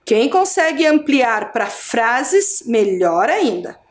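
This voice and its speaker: Slow, lively-voiced woman teaching syllables. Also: fairly high pitch. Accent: Brazilian Portuguese. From Brazil. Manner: slow, clear spelling out of syllables. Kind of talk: adult education video lesson.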